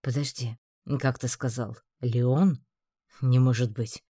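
A woman's voice: rumbling low, steady tone, slow, mellow, slightly rough, no room sound, studio quality, exaggerated voice. A woman voicing a composed, mocking man who is master of the house.

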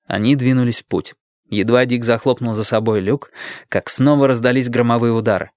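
A man narrating an audiobook in a steady, even storytelling manner, close to the microphone. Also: mid-range voice, a little fast, dry recording. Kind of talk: scripted narration.

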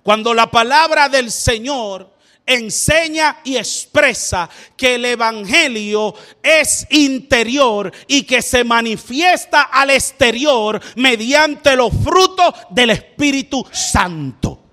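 A man preaching a sermon, asking rhetorical questions and building up to shouted, fervent passages. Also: very high-pitched, animated, slow pace.

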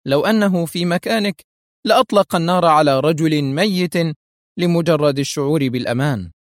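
A man's voice: mid-range voice, a little fast, warm tone, no room sound, clean studio sound, lightly acted. A man voicing a wary young female intelligence lieutenant with a sarcastic edge. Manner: sarcastic, anxious.

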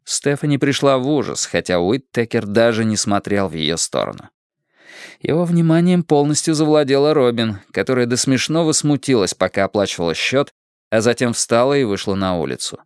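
Male audiobook narrator, mid pitch, very animated delivery, dry close mic. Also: fairly quick, smooth, no echo. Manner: expressive, lively reading.

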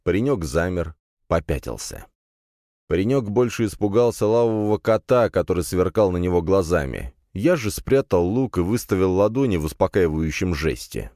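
Male first-person narrator, deep and expressive, dry studio read. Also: normal speed, no room sound. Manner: steady first-person storytelling. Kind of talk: fantasy audiobook narration.

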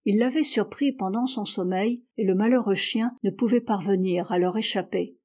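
A woman reading a classic adventure novel aloud, lifting her voice for the sailors' angry lines. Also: normal speed. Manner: voices sailors' quotes louder and higher. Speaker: audiobook reader. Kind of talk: read-aloud novel narration.

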